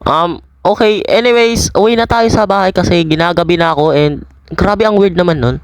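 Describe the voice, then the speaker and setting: A man narrating his own game role-play, given to loud, sudden exclamations. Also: high voice, fairly quick, clear, resonant tone, dry recording. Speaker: gaming video creator.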